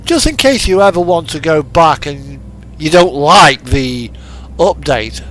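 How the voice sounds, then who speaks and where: This truck simulator gaming host has a slightly high, fairly bright voice, animated but a little slow. He offers casual, rambling commentary, hesitating and thinking aloud, as music plays from the in-game radio.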